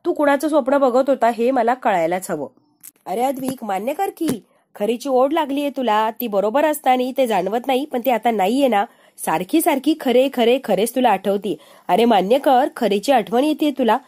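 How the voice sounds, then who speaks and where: A woman's voice: fairly high pitch, animated, moderate pace, mellow. A woman voicing a man's inner conscience that teases and lectures him. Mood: teasing. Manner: needling, lecturing. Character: man's own inner voice, teasing and scolding.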